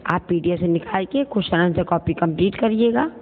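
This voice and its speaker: A woman's voice: fairly low pitch, animated. Woman teacher, tinny echoey recording. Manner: slow, careful, repeats each word to contrast wrong and right forms; addresses pupils fondly as children. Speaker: school teacher. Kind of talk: recorded online grammar lesson for children. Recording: tinny phone-like audio with long reverb and faint noise.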